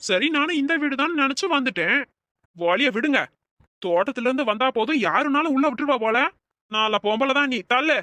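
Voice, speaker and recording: Woman doing a stubborn cartoon village gardener, bright-toned and blunt, talking back gruffly, dry sound. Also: high voice, expressive, a little fast, dry recording. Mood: cranky. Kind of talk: cartoon voice acting.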